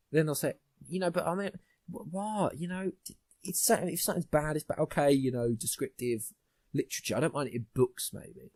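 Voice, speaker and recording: A man's voice: medium pitch, slightly rough, dry recording. A young man hosting a podcast, ranting bluntly with plenty of swearing in casual chat. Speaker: podcast host.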